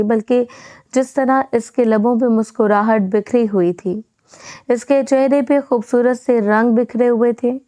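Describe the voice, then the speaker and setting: A woman narrating a romance novel aloud in a steady storytelling manner. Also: on the high side, no echo.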